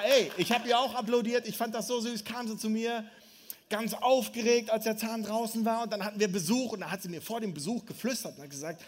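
A man in his thirties preaching a lively, humorous sermon, telling family stories and speaking directly to the congregation. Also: high voice, a little hiss or hum. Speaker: pastor.

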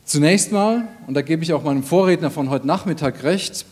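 A man preaching a sermon in an earnest, emphatic way, with deliberate pauses and repeated phrases. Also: a little high, darkish tone, slightly rough.

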